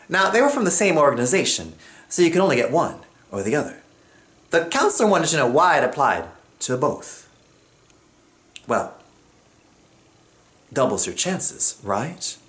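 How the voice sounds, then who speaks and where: Expressive and acting out others' words, a man from Jamaica tells a personal story on stage in a mid-range voice.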